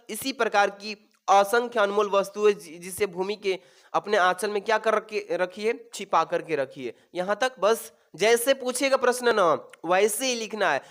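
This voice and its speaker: A man's voice: high-pitched, a bit bright. A man teaching an exam-prep lesson, calling his students "babu" and repeating each question to reassure them.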